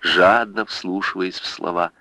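A low-pitched man reads a novel aloud with dramatic, emotive phrasing. His voice stays close to the mic in a dry, dead room. The delivery is measured and intense. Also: steady tone, bright, forceful tone, dry recording, poor audio. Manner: dramatic, emotive reading with big swings. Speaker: audiobook narrator. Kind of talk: expressive literary narration.

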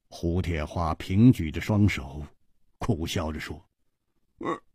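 A male storyteller narrating a story in an expressive way. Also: sits low, breathy edge, dry recording, studio quality.

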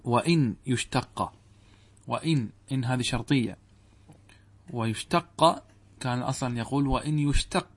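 There's a slight roughness to this man's mid-range voice as he teaches Arabic grammar at a normal pace broken by long pauses. Checking his students' understanding, he quizzes the class, supplies the answers himself, and recites quoted text.

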